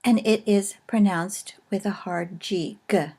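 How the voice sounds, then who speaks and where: A woman teaches in a recorded video lesson, taking her time over each point. Her pace is slow and measured, with pauses as she explains. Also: mid-range voice, fairly even intonation, vocal fry, warm tone.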